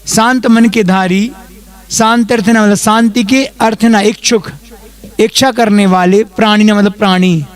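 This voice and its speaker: A man who is a monk, leading a class in reciting and explaining Sanskrit verses, chanting slowly and then explaining in quick asides. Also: sits high. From India. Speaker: Jain monk teaching a class.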